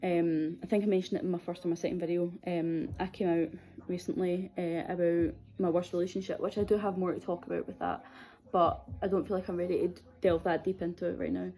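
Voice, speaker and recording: A woman's voice: on the low side, flat delivery, a little fast, hardly any pauses, mellow. A young adult woman with a Scottish accent telling a personal story in a candid, hesitant, conversational way. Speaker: video series host.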